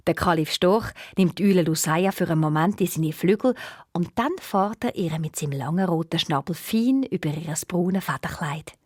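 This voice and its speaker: A woman's voice: lowish voice, normal speed, darkish tone, breathy edge, dry recording, studio quality. Woman narrating a children's story. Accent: Swiss. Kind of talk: children's radio play narration.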